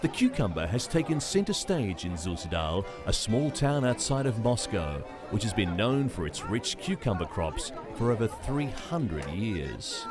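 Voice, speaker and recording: A man narrating a scripted news feature in a wry, lively storytelling manner. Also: lowish voice, a little slow, hardly any pauses. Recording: voice-over over music and crowd sound. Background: music and crowd noise.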